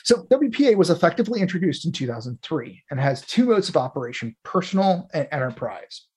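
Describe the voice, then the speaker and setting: A man's voice: fairly high pitch, sing-song, brisk, warm tone, slightly rough. A man in the role of host, talking through technical material in an informal, explanatory way and thinking aloud as he goes.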